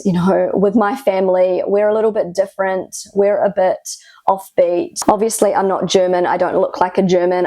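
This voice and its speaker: A New Zealand woman, a native English speaker with a Kiwi accent, vlogs earnestly to camera in casual talk, dropping reflective "you know" asides. Her voice sits on the low side with a dark tone, recorded without echo.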